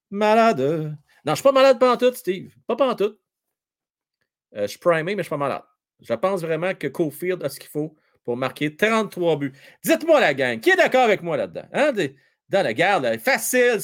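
A man with a Québécois French accent hosting a hockey livestream, chatting and joking with his viewers in an excitable way. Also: a little high. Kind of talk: casual live chat with viewers.

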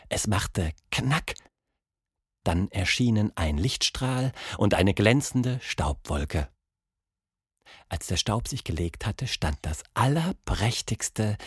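A man hosting a children's audio show and reading a story aloud in an expressive, unhurried way. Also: on the low side, slightly rough, no echo, clean studio sound. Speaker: host and storyteller.

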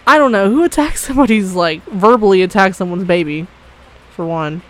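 A woman's voice: mid-range voice, brisk, poor audio. A woman co-hosting a casual podcast chat, blunt and swearing freely, often breaking into laughter. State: coughing briefly. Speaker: podcast co-host.

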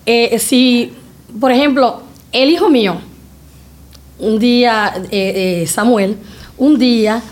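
A middle-aged woman with a high voice tells a family story. She is animated and acts out the people in it, with plenty of fillers and pauses. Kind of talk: storytelling in a casual chat.

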